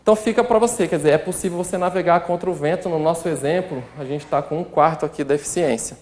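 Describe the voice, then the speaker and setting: A man's voice: fairly high pitch, fast talker, darkish tone. A man with a Brazilian Portuguese accent who teaches a calculus lesson step by step, working through sums as he writes them out and checking in with the listener often. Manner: works through sums while writing them out. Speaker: math instructor. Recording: roomy echo.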